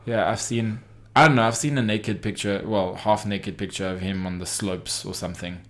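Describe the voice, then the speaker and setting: A man's voice: fairly low pitch, fairly even intonation, normal speed, fairly bright tone. A man co-hosting a casual podcast chat, gossipy and hesitant, with lots of fillers and restarts. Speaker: podcast co-host.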